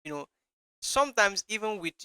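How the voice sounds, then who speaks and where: Male reaction host, casual, full of fillers; bright, clean close-mic sound. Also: high voice, animated, clear, resonant tone, dry recording, rough recording. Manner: loose, halting delivery with many fillers. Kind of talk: casual commentary to viewers.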